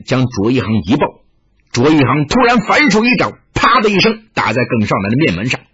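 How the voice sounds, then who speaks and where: A man narrating a martial-arts tale with dramatic, animated delivery. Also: on the high side, slightly rough. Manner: animated, rising and falling with the action. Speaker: storyteller. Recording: muffled lo-fi recording.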